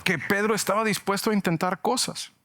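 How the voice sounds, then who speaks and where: A male pastor preaching a sermon, animated and joking, acting out shouts from the story. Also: sits high, fairly quick. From Mexico.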